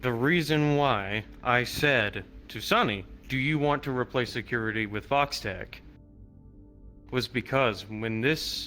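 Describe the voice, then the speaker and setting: A man's voice: medium pitch, pushed and bright. A man speaking in character in a roleplay, pointed and insistent as he makes his case. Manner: pointed and insistent, holds the floor. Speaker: roleplay player.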